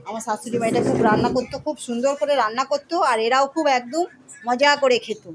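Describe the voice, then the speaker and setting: A woman's voice: fairly high pitch, a little fast, slight background noise. A middle-aged woman, chatting through a casual home vlog from her kitchen and talking to her viewers as friends. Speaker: vlogger. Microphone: phone camera.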